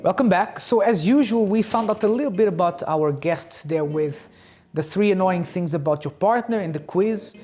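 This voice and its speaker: A man's voice: high-pitched, normal speed, hardly any pauses, a little mellow, faint music behind. A man hosting a talk show, asking probing questions and often restarting them. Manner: probing, repeats words as he asks. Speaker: host.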